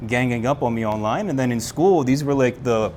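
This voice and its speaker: A man's voice: medium pitch, a little fast, darkish tone, a little hiss or hum. A man hosting a casual chat, easygoing and asking questions. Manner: easygoing, laughs along, asks questions. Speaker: host.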